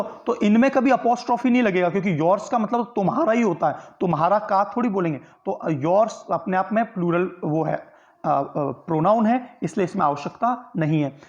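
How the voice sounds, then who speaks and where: Over dull-sounding audio, a man with a high, slightly mellow voice takes learners through a grammar lesson for an exam, one step at a time. He poses questions and answers them himself, tacking on tag questions that invite agreement, in this online prep lecture.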